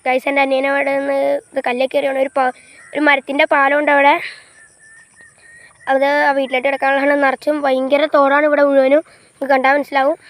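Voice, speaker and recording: Woman, high voice, little pitch movement, casual outdoor vlog, old phone recording, rural fields, halting and repetitive. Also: completely flat delivery, no echo. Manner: halting, repeats herself, constantly says "guys"; talks while riding a bicycle. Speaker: vlogger. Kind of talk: casual walking-tour vlog. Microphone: old phone camera.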